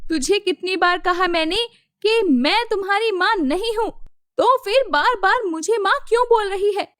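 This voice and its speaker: A woman voicing a sharp-tongued middle-aged mother who scolds a stranger in a cartoon story. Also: very high-pitched, normal speed, dry recording, studio quality. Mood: fussing. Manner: scolding, brusque.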